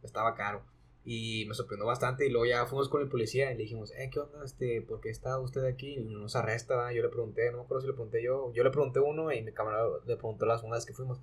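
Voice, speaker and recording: A young man with a Mexican accent telling an animated, slang-filled story in casual chat. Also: medium pitch, fast talker. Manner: slangy, animated, acts out voices in anecdotes.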